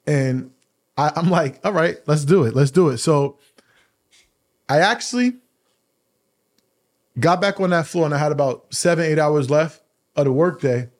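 A man with a slightly higher voice tells a story from his own working life in a loose, conversational monologue. He stumbles and restarts often. He drops slang and the odd curse along the way. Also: measured pace, long pauses. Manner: animated, acts out quoted dialogue with raised pitch; repeats words and restarts often. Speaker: podcast host.

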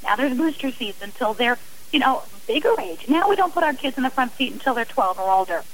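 As a radio interview guest, a middle-aged woman who advocates against domestic violence answers with earnest passion in long, emphatic appeals. Her slightly high voice is expressive and brisk, but the hissy radio audio is poor.

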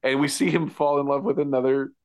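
A man's voice: mid-range voice, fairly even intonation, quick pace, noisy background. A man co-hosting a podcast, chatting casually about a TV episode, full of fillers, restarts and laughs. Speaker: podcast co-host. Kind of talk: casual TV recap chat.

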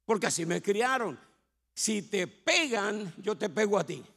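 Puerto rican pastor guy telling his testimony, high gravelly voice, jokes around, big echoey church. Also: animated, unhurried, a bit bright. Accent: Puerto Rican Spanish. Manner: humorous storytelling with acted quotes. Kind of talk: testimony sermon. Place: church sanctuary. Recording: long hall reverb.

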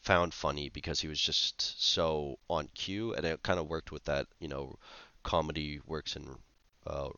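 A man's voice: a bass voice, fairly even intonation, measured pace, few pauses, pushed and bright, smooth, no room sound, dull audio. A man co-hosting a podcast, chatting casually about a film in a hesitant, critical way with many fillers. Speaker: podcast co-host. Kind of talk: casual film review chat.

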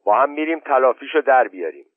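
A man's voice: mid-range voice, expressive, dry recording, pitched above the performer's own voice, lightly acted. A man reading aloud voices a bold, blunt village man. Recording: thin phone-like sound.

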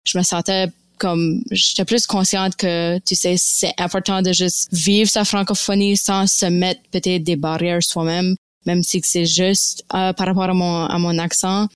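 Young acadian woman guest, kinda low voice, smooth and clean, stops and searches for words a lot. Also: level tone, measured pace, no echo. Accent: Acadian French. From Nova Scotia. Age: young adult. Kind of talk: casual interview talk.

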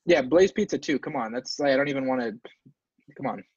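A man's voice: mid-range voice, brisk, husky, dry recording. A man co-hosting a casual podcast, talking in an emphatic, complaining way. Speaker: podcast co-host. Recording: dull, dry lo-fi mic.

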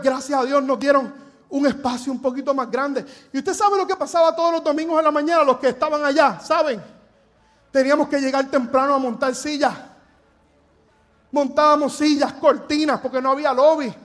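Middle-aged male pastor, Puerto Rican accent, very high voice, earnest and emphatic sermon. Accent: Puerto Rican Spanish. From Puerto Rico.

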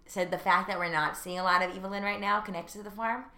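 A woman co-hosting a casual chat about a TV show. She talks in quick, chatty bursts full of fillers. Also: mid-range voice, fairly even intonation, pushed and bright. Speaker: podcast co-host.

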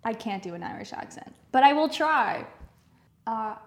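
Giggly young woman, high voice, echoey room. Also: lively intonation, normal speed. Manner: giggly, chatty, playful. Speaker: podcast co-host. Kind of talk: casual chat.

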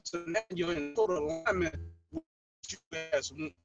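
A man's voice: on the high side, normal speed, music in the background. A man in a group discussion joining over a buzzy, glitchy online call that breaks up, talking earnestly and restarting words as he thinks. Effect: buzzy, glitchy online call audio that breaks up. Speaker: mastermind group member. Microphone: remote call connection. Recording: muffled, dry call line.

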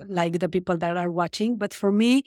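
A woman with a Romanian accent speaks in a slightly low voice. Her talk is earnest, full of small fillers as she hunts for words. The sound is dry and close. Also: brisk, dark tone, dry recording. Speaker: podcast guest, life coach. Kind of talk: casual interview talk.

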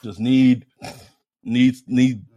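A man's voice: mid-range voice, fairly even intonation, extremely slow, mellow, lo-fi sound. A man hosting a sports podcast in casual, slangy fan banter, swearing freely and repeating phrases for emphasis.

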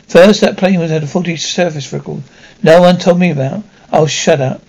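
High-voiced man acting out stumbling military drama characters. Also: moderate pace, gravelly, darkish tone, low-quality recording. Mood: stern.

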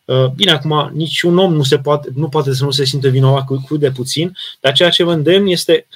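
A man from Romania, serving as a parish priest, answers questions from viewers in a live session. He speaks earnestly and with emphasis, in a voice pitched slightly high for a man, often breaking off and restarting his sentences. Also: fairly bright tone. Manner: reads out viewer questions and answers them plainly.

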